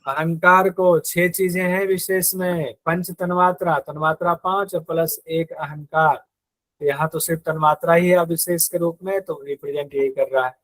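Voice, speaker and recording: A man's voice: a little high, fairly even intonation, normal speed, fairly bright tone, no echo, poor audio. A man teaching a live online yoga exam-prep class in speech, explaining step by step, repeating key terms and quizzing his students.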